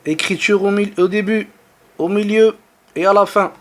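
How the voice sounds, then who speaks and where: A man with a high, light voice and a French accent teaches the Arabic alphabet. He talks patiently, sounds out each letter and vowel slowly, and circles back to repeat them. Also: steady tone, fairly bright tone. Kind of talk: online lesson.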